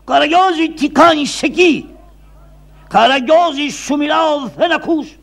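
A man's voice: fairly high pitch, sing-song, creaky, heavily acted. A man voicing Odysseus, a commanding heroic captain in a shadow-puppet play, declaiming orders solemnly. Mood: commanding, worried. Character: Odysseus, grown male hero and commanding captain. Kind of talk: traditional shadow-puppet theatre voice.

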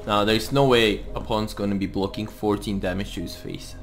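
A man's voice: on the low side, fairly even intonation, fairly quick. A man giving casual gameplay commentary, thinking aloud as he plays. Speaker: host of a card game let's play series. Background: music.

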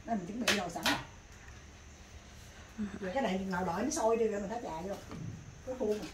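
A middle-aged woman with a Southern Vietnamese accent, calmly explaining cooking steps in a country kitchen. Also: medium pitch, rapid-fire, far from the mic, a little hiss or hum. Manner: plain, practical, explaining steps. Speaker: vlogger's mother. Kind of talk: casual cooking demonstration. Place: rural home kitchen. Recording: echoey room, voice from off-mic.

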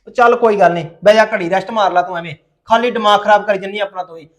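An actor playing a tired husband trying to calm his wife in a domestic drama. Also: high voice, very fast. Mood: placating. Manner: placating, exasperated. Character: weary husband caught between wife and mother. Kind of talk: domestic web drama acting.

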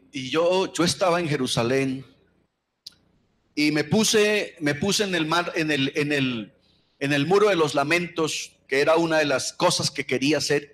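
A middle-aged man with a Colombian accent preaching a sermon, telling stories with passion and moving from hushed tones to shouts. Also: a little high. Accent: Colombian Spanish. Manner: impassioned storytelling, swinging from hushed to shouting.

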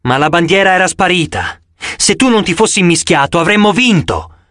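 Hot-tempered teenage girl, as a man puts her on, sharp and defiant, raised pitch, lively delivery. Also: fairly quick, dry recording, studio quality. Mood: furious. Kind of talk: audiobook character voice.

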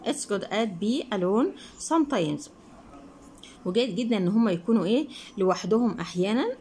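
A woman's voice: mid-range voice, vocal fry, darkish tone, poor audio. Egyptian woman teaching English, faint hiss. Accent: Egyptian Arabic. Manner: asks questions and answers them herself; reads English words slowly, then explains quickly in Arabic. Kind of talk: explaining a textbook lesson.

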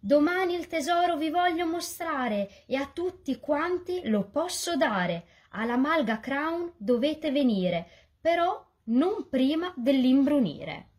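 A secretive little male mountain gnome from a rhyming storybook shouts his lines in a high, excited voice, put on by a woman reading aloud. The voice has a husky edge and swings up and down. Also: slow pace, heavily acted. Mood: mysterious.

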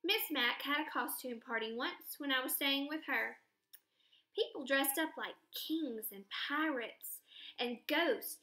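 A woman teacher reading a children's chapter book aloud expressively, pausing to ask her students questions. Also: sits high. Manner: warm, expressive, drawn-out, asks questions. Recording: echoey room.

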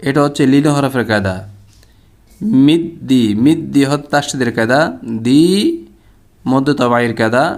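A man with a Bangladeshi Bengali accent teaching Quran recitation, spelling out letters and chanting syllables in long drawn-out tones. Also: medium pitch. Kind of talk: slow spelled-out recitation lesson.

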